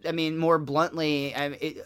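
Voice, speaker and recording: Bright, high-voiced man recapping casually. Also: little pitch movement, unhurried, smooth. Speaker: podcast co-host. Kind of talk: casual episode recap commentary.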